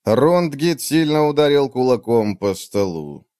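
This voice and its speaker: A man narrating a fantasy story in a steady, even reading. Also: medium pitch, measured pace, no echo, clean studio sound. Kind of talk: scripted audiobook narration.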